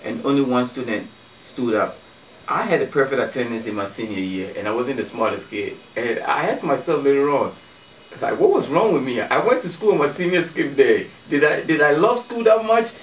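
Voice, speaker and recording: A man from Ghana, a guest on a radio show, telling stories in a relaxed way with many fillers and restarts. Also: mid-range voice, a little fast, roomy sound, far from the mic, slight background noise, rough recording. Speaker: guest, community organizer. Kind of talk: casual radio interview. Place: radio studio.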